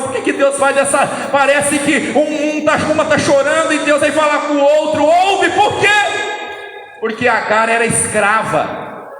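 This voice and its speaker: A man preaching a fervent sermon to a church congregation, often shouting. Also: very high voice. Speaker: pastor. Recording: echoey church hall, crowd.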